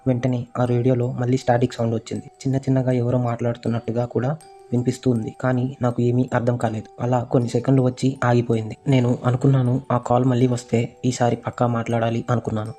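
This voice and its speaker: A man narrating a first-person horror story in a steady, monotone voice. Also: medium pitch, quick pace, faint music behind.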